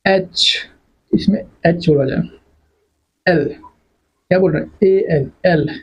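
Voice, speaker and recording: A man's voice: high voice, slow pace, husky, highs cut off. A man teaching English grammar to exam students, repeating words and quizzing the class with questions. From India. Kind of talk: classroom lecture.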